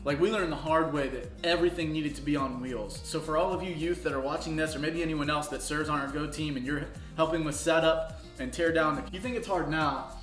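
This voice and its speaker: A man's voice: on the high side, steady tone, a little fast, hardly any pauses, fairly bright tone. A man in his thirties, a campus pastor, telling stories casually in an interview and laughing at himself. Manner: storytelling, laughs often, self-deprecating. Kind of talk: casual interview over food. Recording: echoey room with faint music.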